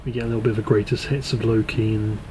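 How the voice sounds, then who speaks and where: A man's voice: fairly low pitch, little pitch movement, very fast, noisy background. A man in a casual podcast chat, joking in a dry, facetious way. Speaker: podcast co-host.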